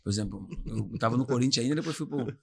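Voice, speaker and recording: Medium in pitch, quick, slightly rough and touched with vocal fry, this man speaks with the accent of inland São Paulo. He's an ex-footballer guesting on a podcast, animatedly recounting humorous tales from his career and laughing as he goes in a relaxed conversation.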